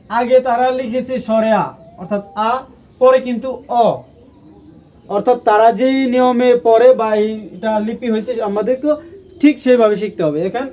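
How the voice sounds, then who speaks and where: A man teaching a language lesson, speaking slowly and repeating each sound aloud for learners. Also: extremely high pitch, a little mellow, a little hiss or hum. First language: Bengali.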